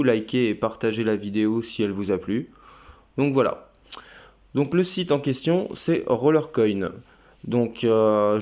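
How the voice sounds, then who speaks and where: A man running his own crypto channel does a casual screen-recorded tour of a website. His voice is medium-pitched with a darkish tone, and he comes across as hesitant, dropping in lots of fillers.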